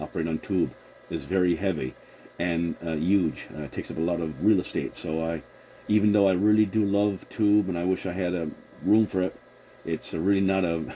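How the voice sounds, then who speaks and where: This CB radio operator hosting the contact has a low, warm voice. His casual chat comes across as agreeable and slightly hesitant, and the recording is noisy.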